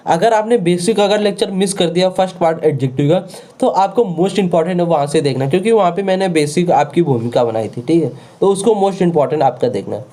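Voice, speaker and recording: Guy teaching grammar online, repeats stuff a lot, kinda high but mellow voice. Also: expressive, a little fast. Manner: repetitive, drilling words over and over; checks in with rhetorical questions.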